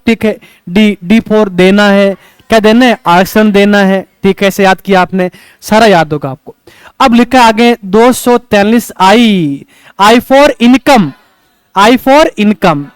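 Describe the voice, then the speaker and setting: A man's voice: sits high, clear, resonant tone, no room sound. A male coaching teacher, lecturing a class and checking in with rhetorical questions as he teaches memory tricks.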